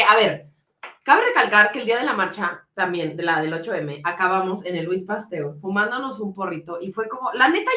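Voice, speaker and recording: Lively Mexican woman telling a story. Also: fairly high pitch, reverberant. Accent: Mexican Spanish. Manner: animated storytelling, slangy, laughs often. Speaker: podcast co-host. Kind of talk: casual chat.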